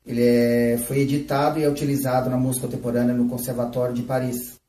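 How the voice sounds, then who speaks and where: A fast-talking flute teacher gives a live-streamed lesson, explaining techniques and regularly asking "né?" and "tá?". His voice is mid-range and mellow with little pitch movement, heard roomy and from a distance.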